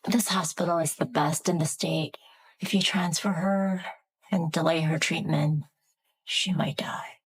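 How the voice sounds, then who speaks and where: An actress playing a grave hospital doctor with a very husky, breathy voice in a drama. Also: female voice, low-pitched, fairly even intonation, unhurried, exaggerated voice, poor audio. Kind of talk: melodramatic short-form drama acting.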